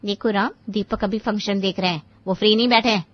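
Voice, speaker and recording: A woman's voice: mid-range voice, steady tone, fast talker, no echo, lo-fi sound, natural voice. A woman voicing a young married sister who brushes off complaints in a placating tone. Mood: defensive.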